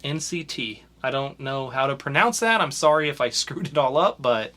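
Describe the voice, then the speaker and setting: A young man co-hosting a laid-back podcast reviews comics in a loose, rambling style packed with fillers and restarts. His medium-pitched voice comes across bright, forward and expressive at a normal speed.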